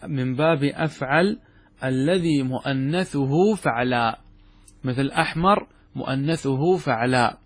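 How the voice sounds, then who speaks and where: A man teaches a grammar lesson in a husky, mid-pitched voice. He works through examples step by step and keeps checking that his students follow. The sound is dry and close to the mic. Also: dry recording. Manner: explains step by step, checks understanding with quick questions. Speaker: sheikh teaching Arabic grammar. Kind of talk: classroom lecture.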